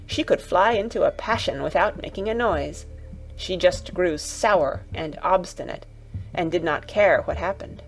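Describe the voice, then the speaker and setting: Woman calmly narrating a children's story. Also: on the low side, a little slow, faint music behind, rough recording.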